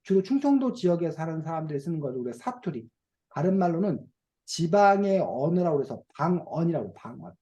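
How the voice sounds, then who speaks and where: A teacher leading an online class for children, heard over a video call. The voice is mellow and soft-toned. The delivery is animated and swoops widely in pitch, with a stream of questions to the kids. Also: a little fast. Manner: animated, asks children questions and plays out dialect phrases. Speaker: reading and writing teacher for children.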